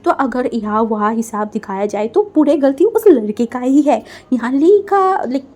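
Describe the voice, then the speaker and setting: A calm young man patiently reasoning things out, with little hesitant fillers, as a woman narrator reads him. The voice is her own mellow, fairly high tone. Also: moderate pace.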